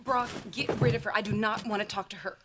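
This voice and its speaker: A woman's voice: medium pitch, steady tone, fast talker, very noisy, natural voice. An actress playing an eager, perky woman determined to help, in a sitcom. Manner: perky, eager, sing-song. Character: overeager, chirpy woman, would-be helper. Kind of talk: sitcom acting.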